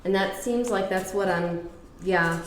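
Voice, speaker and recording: A woman's voice: mid-range voice, unhurried, reverberant, a little hiss or hum, rough recording. A middle-aged woman giving a casual tarot reading, blunt and profane, with emphatic repetitions. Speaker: tarot reader.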